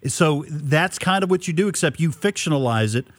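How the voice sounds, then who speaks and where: A man from New Hampshire hosting a radio talk show, asking questions conversationally and haltingly, repeating words as he goes. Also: fairly high pitch, expressive, no room sound. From New Hampshire, United States. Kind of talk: conversational interviewing.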